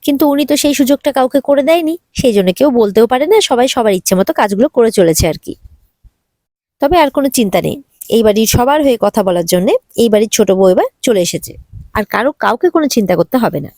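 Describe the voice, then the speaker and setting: A woman voicing a bold, sharp-tongued young bride, reading her cheeky, mocking retorts in a recap of a TV drama episode. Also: on the high side, animated, fast talker, no room sound, clean studio sound.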